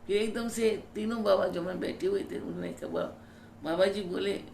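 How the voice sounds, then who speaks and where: A woman spiritual teacher telling her own story in a devotional sermon, repeating key words slowly for emphasis. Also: mid-range voice, gravelly, a little mellow, reverberant, slight background noise.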